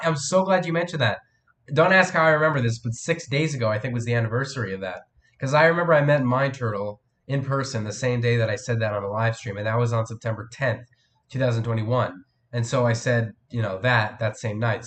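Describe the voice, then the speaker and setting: A man's voice: mid-range voice, fairly bright tone. A teenage boy with a cold, hosting a live stream and chatting casually with viewers, rambling with many fillers and restarts. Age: teens. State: has a cold, voice cracks.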